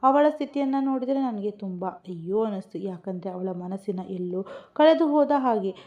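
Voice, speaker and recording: A woman narrating a suspense story in the first person, with a steady, dramatic reading. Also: medium pitch, normal speed. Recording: muffled lo-fi recording.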